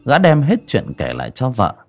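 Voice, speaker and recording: A man giving slow, dramatic scripted narration of a dark folk story. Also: medium pitch, huge pitch swings, creaky, faint music behind.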